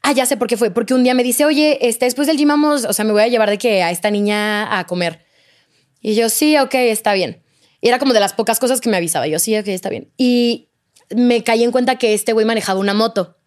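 A young woman talks fast in a higher register, recounting something that happened to her while chatting as a guest on a podcast. She animatedly reenacts others' words and scatters fillers like "de que" and "o sea" throughout.

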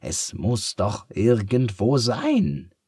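A man voicing an old female sea captain, a gruff grandmother, speaking low and slow with a soft, husky voice. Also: wildly swooping pitch, no room sound, studio quality, full character voice. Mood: tender.

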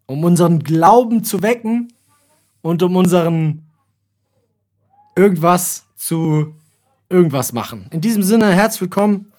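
Young man, podcast host, casual chat, playful, exaggerating, slightly high voice. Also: darkish tone. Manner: joking, playful, exaggerated storytelling.

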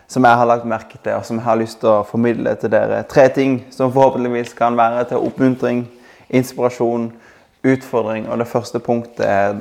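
A male pastor in his thirties delivers a sermon with a gravelly, creaky edge to his voice. He speaks calmly and reflectively, leaning on key words and easing off at the ends of thoughts. His voice sits in a middle pitch.

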